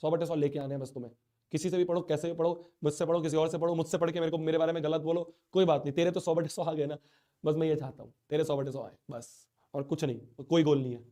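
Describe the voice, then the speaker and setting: A man's voice: a little high, fairly even intonation, fast, dark tone. A man teaching a live online class, speaking in a hurt, earnest, pleading way while he has a sore throat and a stuffy nose.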